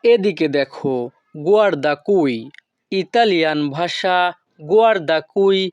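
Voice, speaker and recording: A man teaching short phrases in a slow lesson, repeating each one syllable by syllable. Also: high voice, expressive, darkish tone, no room sound, dull audio. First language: Bengali. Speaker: language teacher.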